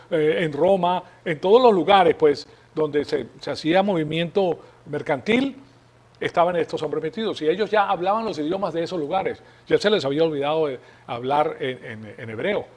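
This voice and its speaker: Male preacher, fairly high voice, patient explanatory sermon delivery. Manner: explanatory, rhetorical questions to congregation. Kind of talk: Bible teaching sermon.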